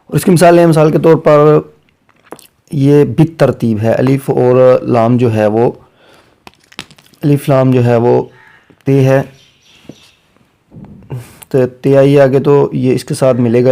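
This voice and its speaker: A man teaching a grammar lesson, slowly going over letters one by one and repeating himself as he explains. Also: medium pitch, vocal fry, mellow. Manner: slow and repetitive, spelling out letters one by one.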